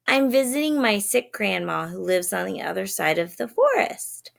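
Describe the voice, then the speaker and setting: A woman's voice: medium pitch, expressive, moderate pace, gravelly. A woman voicing a sweet, naive little girl in a storybook reading, with a raised, chirpy, childlike tone. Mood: chatty.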